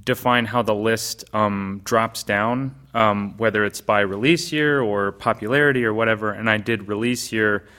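Chatty, low-voiced man. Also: fairly even intonation, moderate pace, hardly any pauses, bright, forceful tone, clean tone. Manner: chatty storyteller, swears, acts out his own reactions. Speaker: podcast co-host. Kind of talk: casual podcast chat.

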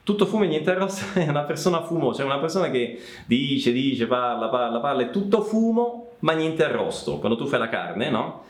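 A man hosts a casual chat and explains everyday sayings in a playful way, often tossing in rhetorical asides. His voice sits in a middle register and swings widely in pitch. The recording has a noticeable room echo. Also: sing-song, fairly quick, few pauses. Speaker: channel host. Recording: roomy echo.

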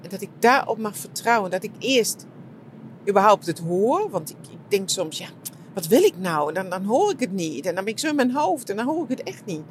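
A middle-aged woman talking reflectively about her retreat, soft and searching, with many fillers and restarts. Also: medium pitch, sing-song, fairly quick, slight background noise. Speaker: shiatsu practitioner and podcast host. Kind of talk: reflective personal monologue.

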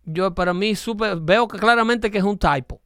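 A man's voice: high voice, moderate pace, fairly bright tone, clear, resonant tone, no echo, studio quality. A man hosting a talk show, explaining his views emphatically and acting out little dialogues as he goes. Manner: emphatic, lecturing, acts out dialogue. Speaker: show host. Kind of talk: opinionated talk show chat.

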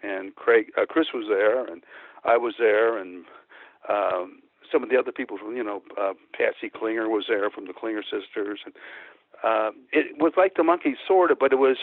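An older former band musician, born in Texas and raised in Chicago, reminisces casually as an interview guest in a hesitant, rambling way. His voice sits on the low side at normal speed, dry, though it comes through a tinny, narrow-band phone line.

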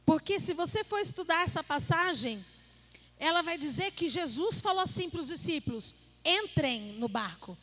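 A woman with a bright, high voice preaches a sermon. She keeps it playful and conversational, teasing her listeners and asking them questions as she goes. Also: animated, moderate pace. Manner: playful and conversational, jokes with the audience.

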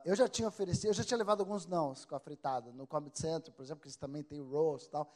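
A man with a Brazilian Portuguese accent, a comedian telling animated anecdotes full of swearing in casual chat. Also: a little high, rapid-fire. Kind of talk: casual storytelling.

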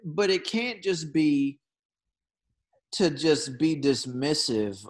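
A man talking casually in a conversation, earnest and given to repeating words as he searches for a thought, now and then breaking into fast bursts. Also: on the high side, expressive.

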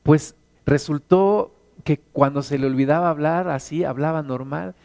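Mexican pastor guy, high voice, animated sermon, does little voices for stories. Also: a little slow, vocal fry. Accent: Mexican Spanish. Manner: animated preaching, acts out anecdotes in put-on voices.

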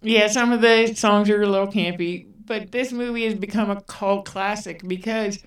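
A woman podcast co-host retelling a film in an unhurried, rambling way with fillers. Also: medium pitch, steady tone, far from the mic. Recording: roomy, away from the mic.

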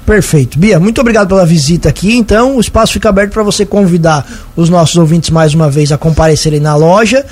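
A man's voice: sits high, fast, few pauses, a little mellow, breathy edge. A man hosting a local radio interview, casual and courteous, affirming his guest as he moves through questions. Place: radio studio.

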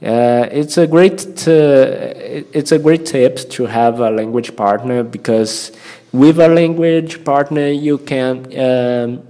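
Speaking slowly in a relaxed, soft-edged way, a man with a mid-range voice and a Brazilian Portuguese accent hosts a language-learning podcast. His English lesson is informal and hesitant, and he often gropes for words and repeats phrases.

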